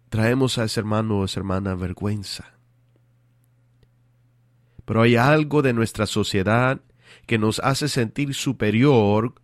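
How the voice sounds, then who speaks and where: A man delivers a sermon in an earnest, measured teaching manner. His voice sits a little low and he takes his time over every phrase. The sound is dry and close, with no room around it. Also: no room sound. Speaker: preacher. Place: United States.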